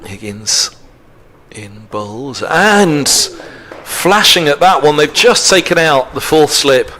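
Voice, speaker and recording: A man's voice: fairly high pitch, lively intonation, slow pace, bright, forceful tone. A man giving live cricket commentary with conversational, understated asides between deliveries.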